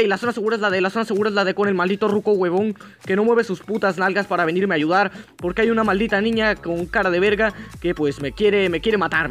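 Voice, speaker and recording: A young man with a Mexican Spanish accent, giving profane horror game let's play commentary and yelling curses in panic. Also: high voice. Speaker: gaming YouTuber.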